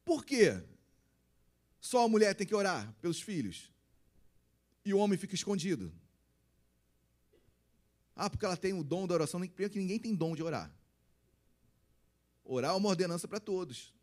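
Lively, emphatic pastor preaching. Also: male voice, high voice, normal speed, long pauses. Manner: emphatic preaching with rhetorical questions to the congregation. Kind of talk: sermon.

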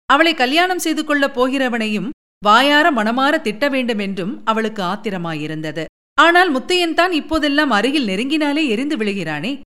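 A woman narrating a novel chapter in a measured storytelling manner. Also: sits high, fairly bright tone.

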